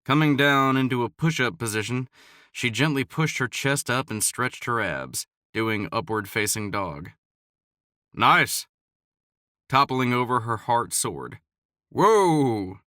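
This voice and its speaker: A man calmly narrating a romance audiobook in scripted narration. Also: medium pitch, moderate pace, no room sound, studio quality.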